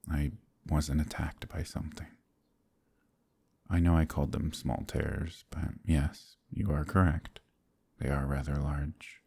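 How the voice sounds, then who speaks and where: A voice actor in an audio roleplay uses an extremely deep, dark, gravelly male voice full of fry, husky and at times breathy, in a full character voice. He plays a haunted, courteous gentleman hiding that he is a werewolf, sounding nervous and evasive. His soft-spoken, halting, old-fashioned phrasing fits this intimate, dramatic ASMR monologue.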